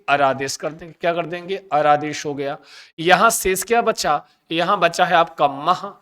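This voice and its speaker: A man teaching an exam-prep grammar lesson in a high, clear, smooth voice. He keeps asking the class questions, answers them himself, and repeats the key sounds over and over. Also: sharp tone.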